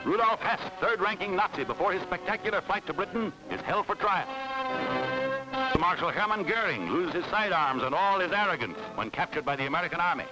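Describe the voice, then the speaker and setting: A man's voice: sits high, lively intonation, brisk, over loud music, poor audio. A man narrating a 1940s newsreel in an emphatic, dramatic announcing manner.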